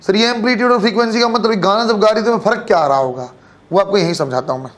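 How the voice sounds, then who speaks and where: High-voiced male physics teacher lecturing. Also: racing. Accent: Haryanvi Hindi. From Haryana, India. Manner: addresses students as kids, frequent check-ins. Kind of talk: classroom lecture.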